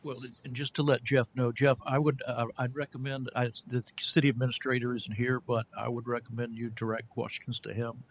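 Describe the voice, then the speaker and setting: A man chairing a city committee meeting, calling on departments in brisk procedural turns. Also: medium pitch, little pitch movement, slight background noise. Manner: brisk procedural roll calls.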